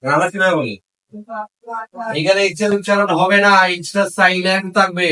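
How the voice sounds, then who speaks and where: A man teaches a class how to form questions in English, alternating between Bengali and English, quizzing students and repeating their answers. His high voice has a sharp tone and a moderate pace, captured on a distant mic in a low-quality recording.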